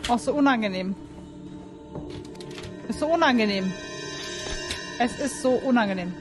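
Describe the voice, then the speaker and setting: A woman giving chatty let's play commentary on a horror game, jumpy and quick to shriek when startled. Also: a little high, expressive, music in the background. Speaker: gaming video creator.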